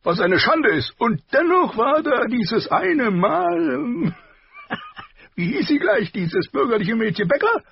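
Guy putting on a big loud jolly king, way high and bellowing, boastful and bawdy, lo-fi audiobook sound. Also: big pitch swings, slow pace, gravelly, slightly rough, no room sound, full character voice. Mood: teasing. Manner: loud, hearty, laughing, boastful. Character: boisterous bawdy middle-aged male king.

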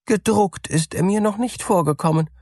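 A man's voice: high voice, normal speed, a little mellow, no room sound, studio quality, pitched above the performer's own voice. A man voicing a poor, trusting female mouse in a fairy tale, fretful and easily puzzled.

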